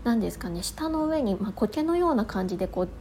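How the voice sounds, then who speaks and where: Mellow-voiced woman hosting a casual show. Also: fairly high pitch, lively intonation, quick pace, slight background noise. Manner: polite, conversational, explanatory. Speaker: host of a daily morning radio-style show. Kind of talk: casual solo talk.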